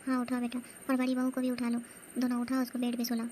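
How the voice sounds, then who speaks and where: Woman voicing a sharp-tongued cartoon mother-in-law. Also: fairly high pitch, completely flat delivery, fast talker, slight background noise, natural voice. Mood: urging. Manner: firm and scolding. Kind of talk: cartoon comedy voice acting.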